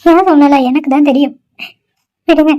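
A sad, despairing young woman in a homemade cartoon, voiced by a woman. Her voice is high and she speaks sorrowfully. The recording sounds dull and lo-fi. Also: fairly even intonation, moderate pace, warm tone, natural voice. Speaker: cartoon character.

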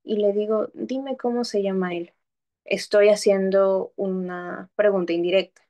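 A woman's voice: medium pitch, steady tone, measured pace, dark tone, lo-fi sound. Patient woman teacher explaining grammar. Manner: patient, explaining step by step with examples; checks understanding often with "¿ok?". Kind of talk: online grammar lesson.

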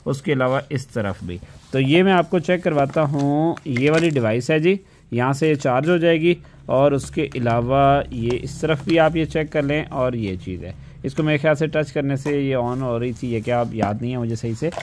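A man's voice: mid-range voice, normal speed, a little mellow. A man giving an informal, improvised sales patter as he demonstrates a product on a phone recording. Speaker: seller showing a secondhand device. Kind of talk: casual unboxing sales demonstration. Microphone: phone held over the product. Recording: clear background noise, handling clicks.

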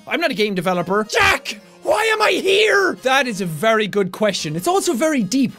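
A young man reading out and answering viewer comments in a casual vlog, talking loudly and playfully. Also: high voice. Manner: loud, energetic, playful.

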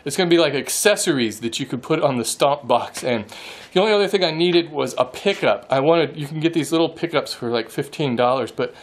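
A man's voice: fairly high pitch, lively intonation, a little fast. A man in his forties, a woodworking channel host, chatting casually and laughing often while holding the camera at arm's length in his home wood shop. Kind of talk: casual vlog chat. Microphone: handheld camera at arm's length.

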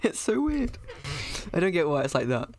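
A man's voice: on the high side, moderate pace. A young man talking casually in a reaction video, his voice muffled as if heard through a wall. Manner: animated, laughing, teasing. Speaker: YouTuber.

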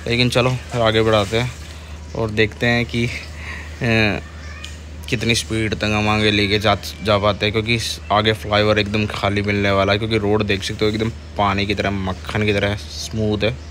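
A man's voice: lowish voice, monotone, moderate pace, a bit bright. Young man vlogging from a motorbike. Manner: chatty, points things out to viewers while riding. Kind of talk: casual motovlog narration. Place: on a motorbike on city roads outdoors. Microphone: helmet or chest camera mic while riding. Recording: wind and traffic noise. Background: engine and traffic noise.

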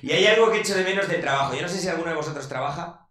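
Brash stand-up comic from Spain, thirties, crude, acts out quotes in put-on voices, bit high-pitched, live echoey club, noisy. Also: male voice, racing. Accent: Spanish from Spain. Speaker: stand-up comedian. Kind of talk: stand-up comedy monologue. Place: comedy club stage. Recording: echoey club with loud background noise.

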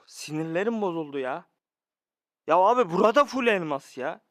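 A man's voice: sits high, expressive, a little slow, a bit bright, no echo, studio quality. A man ranting through a screen-recorded commentary on a mobile game, exasperated and firing off the same rhetorical questions to his viewers again and again. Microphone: phone recording.

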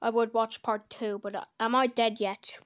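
A woman giving casual reaction commentary on videos, blunt and crude, swearing freely with sudden loud outbursts, into a desk microphone. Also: fairly high pitch, flat delivery, normal speed.

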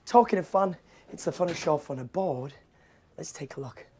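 A man's voice: a little high, normal speed, dark tone, a little hiss or hum. An upbeat, enthusiastic man in his thirties chatting casually to camera as a cruise director and vlog host. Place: aboard a cruise ship, in cabins, corridors and busy public decks.

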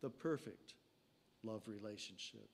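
An older man delivers a sermon from a lectern in a church sanctuary. He speaks in slow, measured phrases, and his voice sinks and softens at the close of each line. He is picked up by a stand mic in the sanctuary. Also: on the low side, gravelly. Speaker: preacher.

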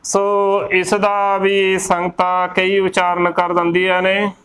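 High, smooth-voiced Punjabi man teaching slowly. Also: monotone, fairly bright tone. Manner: spells words letter by letter, repeating correct and wrong forms. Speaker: Gurbani pronunciation teacher. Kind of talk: slow methodical pronunciation lesson.

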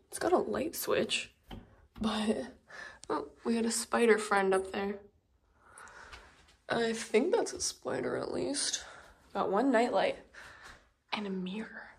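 A young woman chatting casually as she walks through an empty house, filming a tour vlog with frequent ums and likes. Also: mid-range voice. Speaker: vlogger.

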